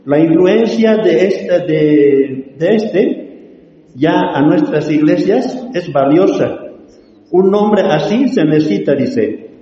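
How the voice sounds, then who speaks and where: A man from the audience reads a passage aloud, halting and stumbling, in a slow, mellow voice pitched slightly high. He sounds set back in a big hall, muffled and dull, with heavy echo and a long reverb tail. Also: animated. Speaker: audience member reading a quote. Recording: dull, distant, very echoey hall audio.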